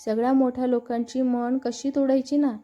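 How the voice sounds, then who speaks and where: Soft pleading girlfriend, read by a woman, warm mellow tone, slightly higher pitch. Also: level tone, moderate pace, lightly acted. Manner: soft, coaxing. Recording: dull lo-fi narration with faint music.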